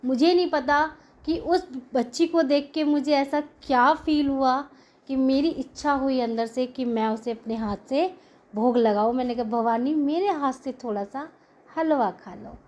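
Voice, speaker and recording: A woman's voice: high-pitched, a little slow, a little mellow. A middle-aged woman, sharing an earnest devotional testimony with a prayer group. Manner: earnest, grateful, heartfelt storytelling.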